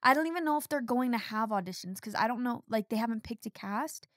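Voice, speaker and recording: A woman's voice: on the high side, expressive, fast, dry recording, clean studio sound. A young adult woman co-hosting a podcast, chatting casually with lots of filler words. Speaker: podcast co-host. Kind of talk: casual chat.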